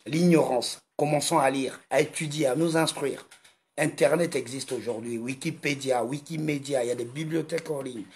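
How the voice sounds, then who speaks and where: A man from Congo gives an impassioned monologue, leaning on each phrase. His delivery is slow and repetitive. His voice sits slightly high for a man. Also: slight background noise. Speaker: video commentator.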